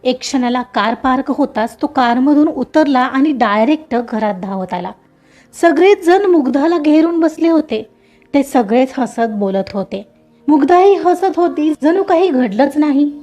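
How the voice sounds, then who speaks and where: A woman narrating a romantic story with expressive, emotional delivery. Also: high voice, measured pace, dull audio, soft background music.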